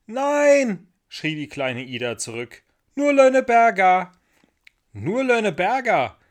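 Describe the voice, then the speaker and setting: A man voicing a cheerful, trusting little girl in a storybook reading, with a high squealing childlike voice. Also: animated, normal speed, a bit bright, natural voice. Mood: shouting gleefully.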